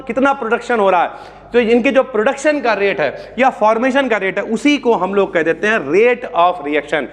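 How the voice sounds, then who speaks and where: High-voiced chatty chemistry teacher. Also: male voice, fairly bright tone. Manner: chatty, calls students brother, asks and answers own questions. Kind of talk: classroom lecture. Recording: long hall reverb.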